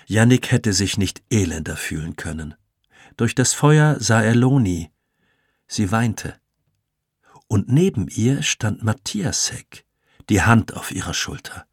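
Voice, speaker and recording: A man reading an audiobook as narrator, calm and measured. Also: on the low side, husky, dry recording, clean studio sound. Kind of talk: scripted narration.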